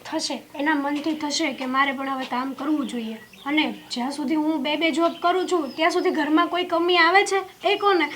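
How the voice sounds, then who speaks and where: A woman's voice: high-pitched, moderate pace, few pauses, fairly bright tone, slight background noise. A young woman playing a hardworking daughter who reassures her mother in a short film drama. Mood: insistent. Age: young adult.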